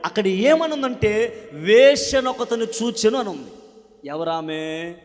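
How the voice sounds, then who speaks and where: A man preaching a sermon at a prayer meeting. He calls for responses from the congregation, moving between loud shouted lines and quiet joking asides. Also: sits high, animated, unhurried. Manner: call-and-response, urging the crowd to repeat and shout back. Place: church prayer meeting hall. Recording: long hall reverb.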